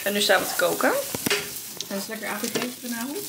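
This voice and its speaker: A young woman with a Dutch accent, chatting casually to a handheld camera at arm's length in her apartment, thinking aloud in a relaxed way. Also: a little high, fairly quick, vocal fry, heavy background noise. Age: young adult. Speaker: vlogger. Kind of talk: casual vlog chat. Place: apartment living room, indoors.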